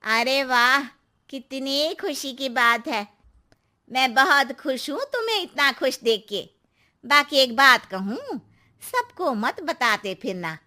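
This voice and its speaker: A superstitious older neighbour auntie, voiced by a woman for an animated story. She speaks slowly and knowingly, in a high, bright voice that lingers on each warning. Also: heavily acted. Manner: cautionary, knowing.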